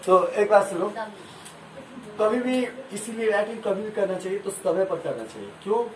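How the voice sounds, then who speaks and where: With lively intonation and a voice that sits high but has a darkish tone, a male science teacher speaks at normal speed in a call-and-response lesson. He questions his pupils, has them echo answers, and uses everyday examples. The mic is far off in an echoey, noisy room.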